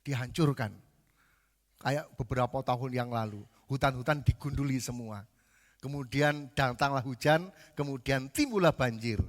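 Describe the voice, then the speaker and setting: A man preaching a sermon, animated, rising loud for emphasis. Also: mid-range voice, normal speed. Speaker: pastor. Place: large church hall. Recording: long hall reverb.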